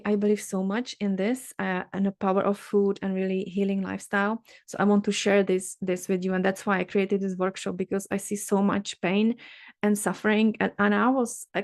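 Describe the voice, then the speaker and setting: Earnest Czech-accented woman dermatologist, flat delivery. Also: medium pitch, no room sound, studio quality. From Czech Republic. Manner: earnest, halting, many fillers and restarts. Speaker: dermatologist leading a workshop. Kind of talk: workshop talk.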